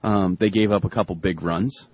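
A man co-hosting a sports radio show, chatting casually and reading out listener emails in a husky voice. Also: sits low, fairly even intonation, moderate pace, darkish tone, dry recording. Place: radio studio. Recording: muffled, dull lo-fi audio.

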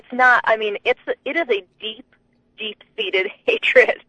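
A woman from New England calling a sports radio show, chatting in an animated, laughing way with lots of restarts, on a phone line. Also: on the high side, measured pace, slightly rough, dry recording. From Connecticut, New England. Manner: chatty, laughing, animated, talks over herself. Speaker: radio caller.

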